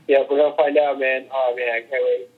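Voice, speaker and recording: A man's voice: mid-range voice, level tone, a little fast. A man chatting casually about sports on a podcast, heard over a muffled, lo-fi connection. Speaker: podcast co-host or guest.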